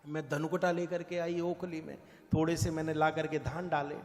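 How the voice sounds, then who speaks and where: A man's voice: a little high, little pitch movement, normal speed, a little mellow. A man telling a devotional story dramatically, acting out every character. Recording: echoey hall with long reverb.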